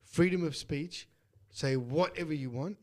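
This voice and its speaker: A man co-hosting a podcast, speaking earnestly and reflectively in casual chat, slowing down to stress his points. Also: fairly high pitch, a little mellow. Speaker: podcast co-host.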